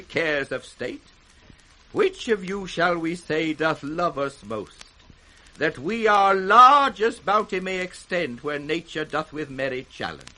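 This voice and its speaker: An imperious aging king, declaims in a grand British accent. His voice is high for a man and ringing with forceful brightness. The delivery is classic 1960s radio Shakespeare, stately and commanding. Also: rough recording.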